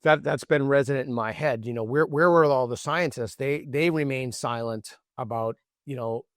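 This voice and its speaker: A man speaks as an interview guest in an earnest, argumentative way, stopping and restarting his sentences as he builds a point. His voice sits at an ordinary middle pitch. The recording is dry, with no room sound. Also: normal speed, no echo. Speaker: guest author. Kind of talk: interview conversation.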